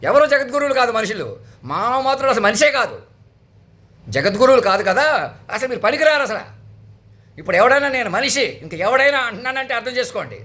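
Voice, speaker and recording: A man's voice: extremely high pitch, sing-song, quick pace, long pauses, bright, forceful tone. A man who calls himself a spiritual leader, delivering a commanding, declamatory sermon full of repeated phrases. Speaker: self-styled spiritual leader. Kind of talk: proclamatory sermon.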